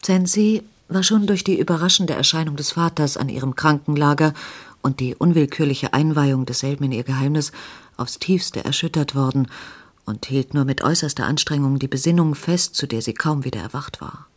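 A reader narrates a literary novella in a measured, dramatic way. The voice sits mid-range and has a husky, breathy grain. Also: medium pitch.

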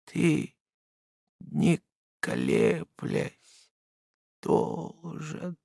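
A man voicing a dying old worker who speaks weakly to his son, halting and breaking off mid-word. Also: medium pitch, lively intonation, no echo, clean studio sound, voice pushed up. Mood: urgent, fading. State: weak, fading breath. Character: dying old male worker, weak and solemn father.

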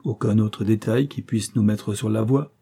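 A man playing an energetic, impatient detective who speaks in brisk, scolding exclamations. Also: fairly low pitch, creaky, husky.

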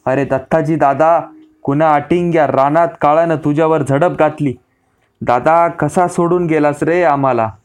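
A man's voice: fairly high pitch, fairly even intonation, moderate pace, clear, resonant tone, close to an everyday voice. A male narrator reading the lament of a grieving young warrior in an audiobook, kept close to his own voice. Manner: lamenting cry to his dead brother.

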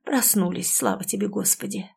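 A woman voicing an old village healer from a storybook, a kindly grandfather with a gruff, grumbling delivery. He sounds warm-hearted under the grumbling. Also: fairly low pitch, big pitch swings, moderate pace, heavily acted.

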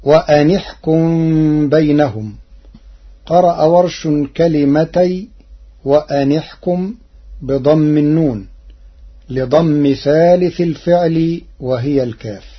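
Slow, husky man giving a radio lesson. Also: a little high. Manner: measured, deliberate, drawing out quoted words. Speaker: Quran reading teacher. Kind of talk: formal explanatory radio lesson. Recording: dull lo-fi old radio broadcast.

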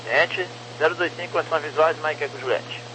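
A man's voice: a little high, brisk. Brazilian male controller on crackly radio. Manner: clipped procedural phrasing. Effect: crackly radio transmission. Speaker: air traffic controller. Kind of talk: air traffic control radio instructions. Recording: crackly, noisy aviation radio.

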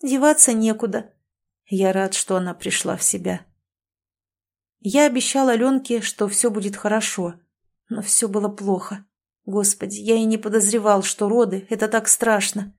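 A woman reading a story aloud in the first person, with a mid-range voice. She tells it as an anxious, wry inner monologue, full of worry and self-mockery. It is a steady audiobook-style reading. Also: medium pitch, moderate pace, creaky. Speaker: audiobook narrator.

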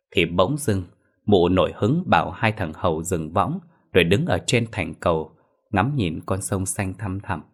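Man, very deep voice, measured ominous ghost story narration.

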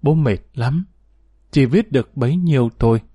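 A remorseful old father near sixty, as a man reads him out, speaks a farewell letter with grave regret. The voice is mellow and dark, close and dry, as in a storybook reading. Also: mid-range voice, normal speed, breathy edge, no echo, natural voice.

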